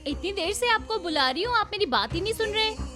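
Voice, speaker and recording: An actress playing a sharp-tongued young woman in a dubbed film. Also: very high-pitched, animated, a little fast, over music. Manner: sharp-tongued when provoked. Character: bold young woman renting a flat.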